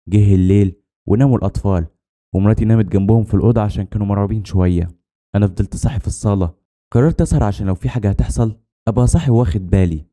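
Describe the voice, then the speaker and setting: A man tells a first-person horror story at a rapid clip. His voice sits low and sounds very dark and mellow. The telling is scripted and tense.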